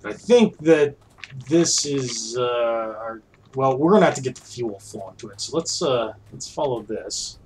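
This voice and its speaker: A man's voice: mid-range voice, animated, measured pace, a little mellow, a little hiss or hum. A man streaming a puzzle game, thinking aloud in a chatty, unsure way as he works things out. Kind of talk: casual let's-play commentary.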